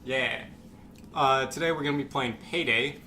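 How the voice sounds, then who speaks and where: Young man, hesitant bright-voiced host. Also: medium pitch, slight background noise. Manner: halting, hesitant, many restarts. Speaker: podcast host. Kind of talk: casual chat.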